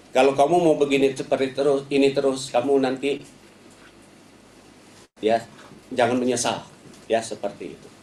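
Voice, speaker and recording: A man's voice: mid-range voice, a little hiss or hum. Man preaching in an echoey hall. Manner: conversational preaching, many filler "ya" and "saudara". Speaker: pastor. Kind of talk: sermon. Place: church service.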